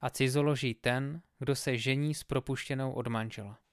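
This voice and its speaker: A man reads scripture aloud with measured, solemn pacing. His voice is smooth and resonant, at a middle pitch. The recording is close and dry, with no room sound. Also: fairly even intonation, no echo. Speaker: Bible reader.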